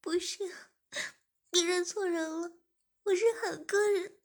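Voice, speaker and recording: A woman voicing a desperate young woman who pleads in a high, crying voice. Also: animated, unhurried, fairly bright tone, full character voice. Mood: tearful.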